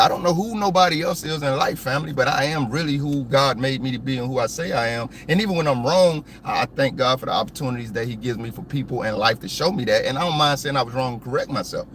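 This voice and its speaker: A man's voice: mid-range voice, fairly bright tone, slight background noise. A man hosting a live stream, ranting hotly and with plenty of profanity. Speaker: copwatch channel host.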